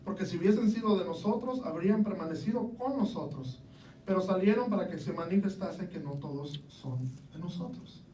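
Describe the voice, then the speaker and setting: A man's voice: sits high, lively intonation, normal speed, warm tone, recorded from a distance, slight background noise. Mexican man preaching in a roomy hall. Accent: Mexican Spanish. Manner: conversational, asks the congregation rhetorical questions. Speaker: lay preacher. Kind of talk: sermon. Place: church hall.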